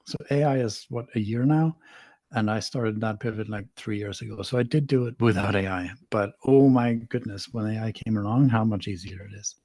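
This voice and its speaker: Middle-aged man from Sweden, low-pitched, rambling guest talk, dry close sound. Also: a little fast, a little mellow, no room sound. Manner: rambling, self-deprecating, frequent restarts. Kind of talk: casual interview talk.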